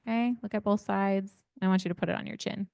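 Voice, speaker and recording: A woman with a smooth, clear voice runs an interactive parenting workshop. She keeps firing questions at the group and walks them through little exercises. The sound is dry and close. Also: mid-range voice, fairly even intonation, fast talker, a little mellow, no echo. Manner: engaging, asks the audience many questions. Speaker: parent educator.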